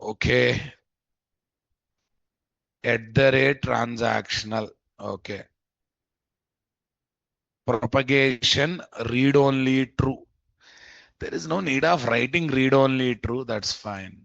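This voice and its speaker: A man's voice: mid-range voice, takes it slowly, gravelly, long pauses, fairly bright tone, no room sound. A man with an Indian Telugu accent giving an informal live programming lesson, asking questions he answers himself and repeating phrases for emphasis. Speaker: programming instructor. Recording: dull, muffled lo-fi close recording.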